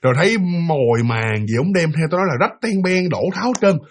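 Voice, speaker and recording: Husky fast-talking Southern Vietnamese man. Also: on the high side. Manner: animated retelling with many fillers and repeats. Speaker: storyteller. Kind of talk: casual ghost story narration.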